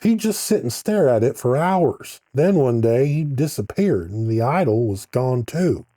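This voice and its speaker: A man's voice: medium pitch, very animated, measured pace, mellow, no room sound, clean studio sound. A man playing a caller from Charleston, telling a family story in a plain, earnest way.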